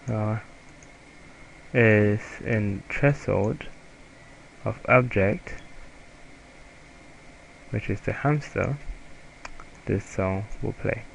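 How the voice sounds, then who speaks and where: A young man with a German accent talks through a software tutorial, stopping and restarting his words as he goes. His voice is low and gravelly, and his delivery is slow. A faint background noise sits under the recording. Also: rough recording. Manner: halting, self-correcting, hesitant. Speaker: student presenter.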